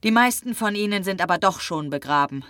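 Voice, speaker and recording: A woman reading a story aloud, voicing a brisk, insistent male doctor reassuring his friend. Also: mid-range voice, expressive, fairly bright tone, clean tone, no room sound, studio quality, voice pushed up, natural voice. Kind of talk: audiobook reading.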